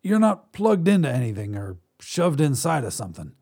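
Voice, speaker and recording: A man voicing an impatient, fast-talking male alien who explains a rescue in a brisk, salesman-like way. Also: on the high side, big pitch swings, gravelly, a little mellow, slightly rough, voice pushed up, full character voice. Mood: brisk, explaining.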